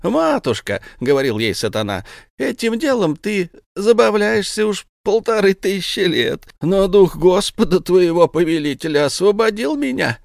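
A man's voice: high-pitched, sing-song, normal speed, creaky, no echo, clean studio sound, voice pushed up, heavily acted. A man voicing Satan in a storybook reading, a gloating male devil who taunts and mocks. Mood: taunting. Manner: taunting, sneering.

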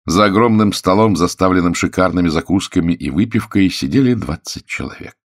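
A man reading a novel aloud in measured storytelling narration. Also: low voice, no room sound, studio quality. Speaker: audiobook narrator. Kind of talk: scripted narration.

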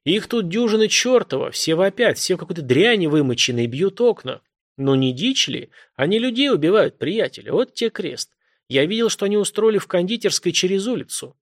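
A man's voice: high-pitched, sing-song, brisk, no echo, clean studio sound, pitched above the performer's own voice, full character voice. Man doing a crude, swearing shop worker. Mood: blunt. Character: gruff foul-mouthed shop worker, brash.

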